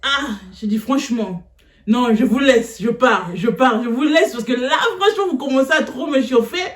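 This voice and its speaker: A woman telling a personal story in a casual, animated way, often laughing as she talks. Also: a little high, normal speed. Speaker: vlogger. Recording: echoey room.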